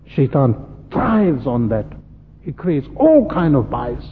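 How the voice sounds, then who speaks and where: A South African man preaches an impassioned Islamic sermon at a slow pace, his medium-pitched voice sing-song. He's emphatic, using repetition and rhetorical questions, and the recording sounds muffled and reverberant, with background noise from the hall.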